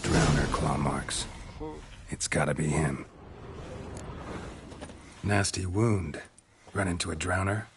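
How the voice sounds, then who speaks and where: An actor playing a grim, stoic monster hunter in a video game, speaking in a dry, laconic way. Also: male voice, a bass voice, steady tone, takes it slowly, pauses often, noisy background.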